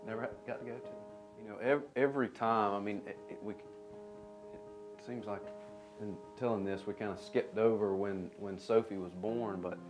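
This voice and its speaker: Guy with a low voice telling his testimony, stop-start, guitar playing softly. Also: steady tone. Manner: halting, earnest, with many restarts. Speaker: father sharing a testimony. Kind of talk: personal testimony.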